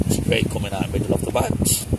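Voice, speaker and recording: A slightly hoarse man giving brisk ball-by-ball commentary on an amateur cricket match outdoors. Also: on the low side. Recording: outdoor mic with loud background noise.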